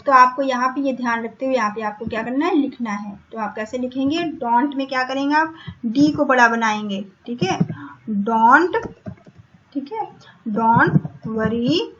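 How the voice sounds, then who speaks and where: A woman teacher with an Indian English accent, patiently explaining a school lesson in Hindi and English and repeating words slowly for her pupils. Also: high voice. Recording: dull lo-fi recording, faint hiss.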